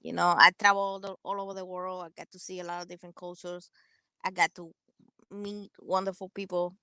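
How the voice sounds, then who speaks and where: A woman from Cuba with a Cuban Spanish accent, a guest on a video call, talking animatedly with loud bursts and quick asides, recorded outdoors on an earbud mic. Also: lowish voice, flat delivery, clean tone, no echo, poor audio. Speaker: guest, Army veteran and entrepreneur. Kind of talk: casual interview conversation. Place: outdoors on a sunny patio. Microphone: wired earbud headset on a video call.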